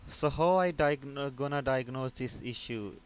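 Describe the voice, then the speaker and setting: In this clip, a man with a mid-range voice and moderate pace gives an informal, step-by-step technical walkthrough. He's a repair technician instructor, explanatory in manner, who frequently poses a question and then answers it; the background is clear.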